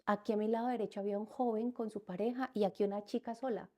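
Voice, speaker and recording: A woman's voice: mid-range voice, steady tone, fast, darkish tone. A woman, a podcast guest, telling a personal story, repeating phrases and acting out what people said. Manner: repeats words and phrases as she recounts events; acts out quoted speech within her story.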